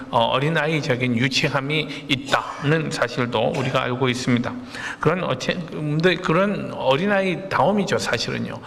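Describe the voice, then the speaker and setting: A man's voice: mid-range voice, creaky, a bit bright. A male pastor preaching a sermon in a conversational way, telling anecdotes and asking the congregation rhetorical questions. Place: church sanctuary. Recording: long reverb of a church hall.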